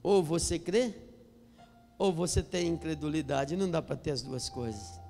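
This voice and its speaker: Preaching man in a reverberant hall. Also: normal speed. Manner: swings from soft and low to loud shouting exhortation. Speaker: pastor. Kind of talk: sermon. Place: church sanctuary. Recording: long hall reverb with faint music.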